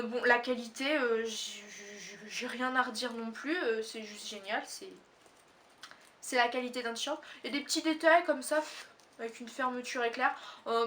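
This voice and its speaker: A teenage girl from Réunion talks through a clothing haul in a high voice, full of fillers and quick self-corrections. She sits a bit back from the microphone, so her voice sounds slightly distant. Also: fairly bright tone, a little hiss or hum. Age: teens. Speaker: fashion haul vlogger. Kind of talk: casual haul video chat.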